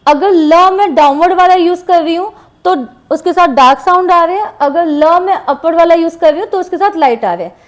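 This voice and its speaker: A woman with a high, light voice gives a shorthand class. She talks slowly and patiently and repeats each example word while she writes. The faint scratch of a pen on paper can be heard under her voice. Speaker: shorthand teacher. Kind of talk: classroom lesson explaining shorthand strokes.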